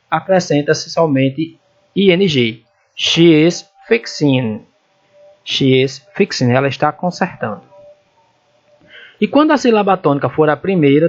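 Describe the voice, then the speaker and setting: A man's voice: fairly high pitch, a little mellow, highs cut off. A man teaching English grammar in Portuguese, stopping often to spell English words out letter by letter. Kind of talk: grammar lesson walkthrough.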